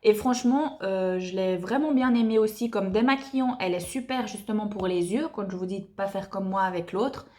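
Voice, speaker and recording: A woman's voice: mid-range voice, a little fast, few pauses, a little mellow. A young woman reviewing beauty products in a chatty, enthusiastic way with lots of fillers. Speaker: beauty vlogger.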